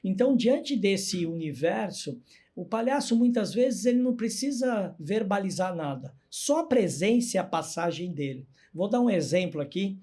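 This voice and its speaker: Animated storytelling man. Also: sits high, normal speed, husky. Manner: animated storyteller who acts out the people in his stories. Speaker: guest, hospital clown. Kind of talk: storytelling in a podcast interview.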